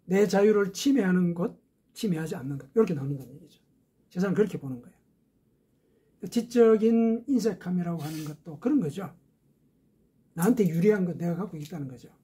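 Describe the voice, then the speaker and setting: A man's voice: sits high, animated, fairly quick, long pauses, dark tone, breathy edge. A man preaching a sermon as a pastor, explaining step by step with rhetorical questions.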